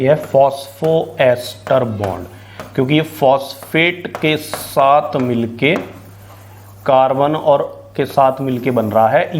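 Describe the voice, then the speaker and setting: A man from India teaching biology in an online exam-prep lecture, chatty, asking and answering his own questions and mixing English terms into his talk. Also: medium pitch.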